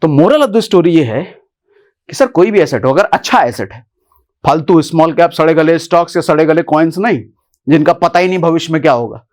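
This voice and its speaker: High-pitched chatty male finance explainer. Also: normal speed. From India. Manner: chatty, animated, often addresses viewers as brother. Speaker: finance YouTuber host. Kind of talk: casual explainer to camera.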